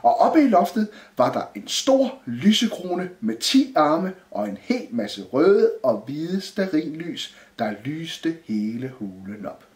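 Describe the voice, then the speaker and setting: A man reading a children's Christmas story aloud in a lively storytelling manner. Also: fairly high pitch, hardly any pauses. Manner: lively, sing-song storytelling. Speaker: narrator. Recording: roomy echo.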